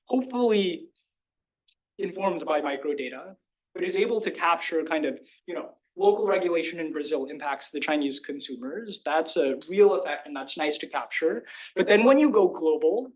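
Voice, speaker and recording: Man, higher pitch, fluent, informal, academic panel discussion, thinking aloud. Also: rough recording.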